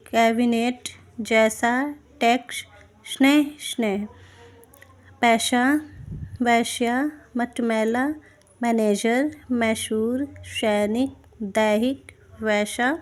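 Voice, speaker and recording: A woman teacher leads an exam-prep spelling lesson, reading words out one by one at an unhurried, deliberate pace. Her voice sits a little high, and she stops often to put rhetorical questions to her students. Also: a little mellow. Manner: slow, deliberate reading of word lists with brief explanations.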